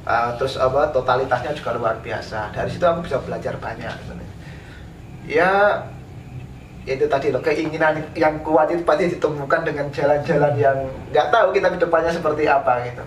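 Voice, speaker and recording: A man from East Java, an interviewed painter, tells his life story in a casual, unhurried way with many fillers. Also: fairly high pitch, steady tone. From East Java, Indonesia. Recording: roomy, from a distance, faint background noise.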